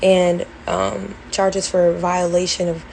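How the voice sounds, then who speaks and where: A woman's voice: on the low side, little pitch movement, takes it slowly, creaky, darkish tone, slight background noise, poor audio. A young woman earnestly recounting her college experience in a storytime vlog, detailed and full of fillers. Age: young adult. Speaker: former college band member telling her story.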